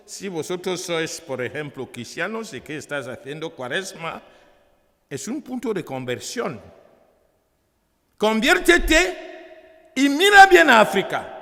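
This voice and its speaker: At a book presentation, an African priest and author whose first language isn't Spanish gives a persuasive, preaching talk in a high, pushed, bright voice with vocal fry. He speaks emphatically but haltingly, often repeating phrases, and the hall echoes with long reverb.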